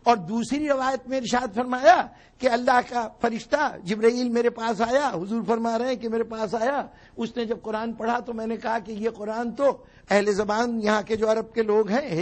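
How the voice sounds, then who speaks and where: A man's voice: very high-pitched, a little mellow. A man giving a sermon-style lecture as a religious orator at a mourning gathering. He explains carefully and presses his point with pointed rhetorical questions.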